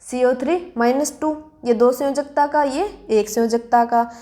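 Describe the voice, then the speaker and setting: Mellow-voiced woman teaching chemistry. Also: high-pitched, steady tone. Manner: asks questions and answers them herself, slows to spell out formulas. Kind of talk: classroom lesson explanation.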